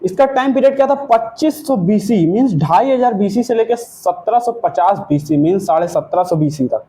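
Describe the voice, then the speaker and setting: A man's voice: high voice, expressive, normal speed, dark tone. A male teacher giving an exam-prep history lesson, telling it as a story and asking and answering his own questions.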